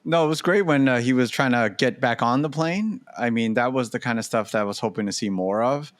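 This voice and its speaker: Casting: male podcast co-host, mid-pitched voice, dry close sound, blunt and critical. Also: brisk, no room sound. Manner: blunt, critical, matter-of-fact. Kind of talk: casual film review chat.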